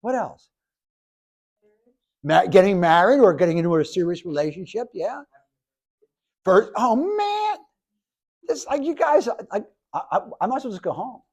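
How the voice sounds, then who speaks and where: A man in his seventies, a professor giving a lively, jokey classroom lecture to students, with many restarts. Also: high-pitched, moderate pace, long pauses, breathy edge. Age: 70s. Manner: animated, jokey, talks to the audience, restarts often. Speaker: professor and speaker.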